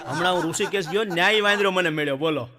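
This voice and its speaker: On stage, a stand-up comedian tells folk jokes with lively energy, acting out villagers and animals as he storytells. His voice is high and fast, surrounded by heavy background noise and long hall reverb.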